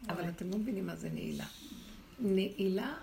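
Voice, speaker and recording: In a noisy room recording, a middle-aged woman leads a spiritual class for women that includes listener questions. Her mellow, mid-range voice carries vocal fry as she urges and challenges those listening.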